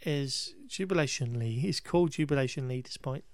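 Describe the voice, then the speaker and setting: A man chats through a film recap in a loose, meandering way, trailing off and restarting as he pokes fun at what he saw. His voice sits at an ordinary middle pitch. The recording is dry and close, with no room sound around him. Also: a little fast, no echo. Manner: rambling, wry and exasperated, with frequent restarts and laughs; occasional swearing. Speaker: podcast host recapping a film. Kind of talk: casual chat.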